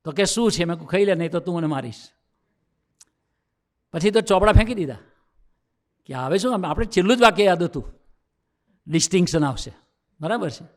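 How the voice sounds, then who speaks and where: A man with a Gujarati accent, his voice sitting slightly high, preaches to a youth gathering. He tells his own stories, acts out the back-and-forth dialogue, and builds to emphatic points. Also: expressive, brisk, pauses often. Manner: storytelling, acting out dialogue, rising to emphatic preaching. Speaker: swami giving a youth discourse. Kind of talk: sermon told as a personal story.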